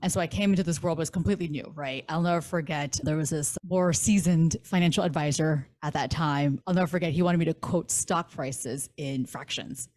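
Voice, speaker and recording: Female guest, 30s, quick and frank, self-deprecating, low-pitched voice. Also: darkish tone. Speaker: guest, bank relationship manager. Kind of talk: casual interview chat.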